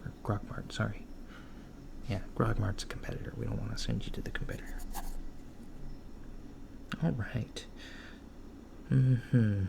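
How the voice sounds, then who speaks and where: An ASMR roleplay creator voices a calm, attentive alien doctor in a softspoken roleplay, his mood gentle and his delivery soft, unhurried, and hesitant, with pauses on ums and slips into whispers. His voice is heavily gravelly and holds a flat, level pitch. A steady hiss runs beneath the lo-fi recording.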